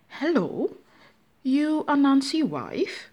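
A woman voicing a spider disguised as an American sea captain, who speaks slow, broken English. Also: high voice, sing-song, dark tone, voice pushed up, heavily acted. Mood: commanding.

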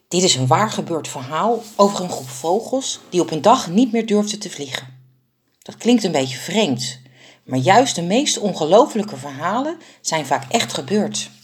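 A woman reading aloud a children's story she wrote, expressive and lively. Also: lowish voice, slightly rough. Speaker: author and narrator.

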